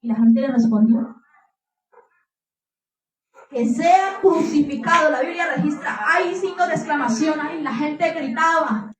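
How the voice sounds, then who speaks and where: A woman's voice: high voice, moderate pace. A woman preacher retelling scripture dramatically during a sermon, with asides to her listeners. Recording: echoey room, distant mic.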